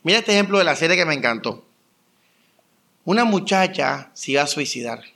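A young adult man preaching a conversational sermon, telling stories with lively rhetorical questions. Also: fairly high pitch, brisk, creaky. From Colombia. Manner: animated storytelling with rhetorical questions. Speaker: pastor.

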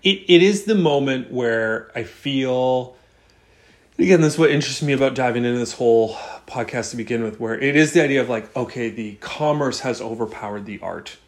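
A man's voice: mid-range voice, fairly quick. Rambling male podcast host. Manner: rambling, many restarts and fillers. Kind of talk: casual film chat.

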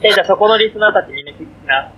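A man's voice: high-pitched, very fast, pushed and bright, slight background noise, rough recording. A young man co-hosting a casual podcast livestream, rambling and apologetic, slipping into a Kansai accent. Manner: rambling, self-deprecating, slips into Kansai dialect. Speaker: podcast co-host.

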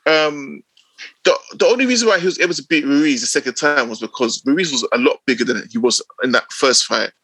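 A man's voice: medium pitch, a little fast, fairly bright tone, slightly rough, dry recording, low-quality recording. A man with a London accent in casual banter, emphatic and often repeating his phrases. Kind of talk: casual banter about boxing.

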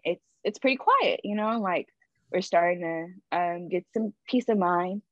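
A woman's voice: fairly low pitch, no room sound, highs cut off. A woman guest on a podcast, telling a personal story in a candid, emphatic way, often adding "like" and "right?".

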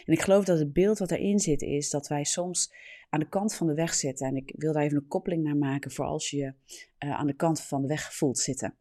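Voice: mid-range voice, fairly even intonation, a little fast, mellow. A preacher giving an earnest, explanatory sermon, often adding a questioning tag to sentences.

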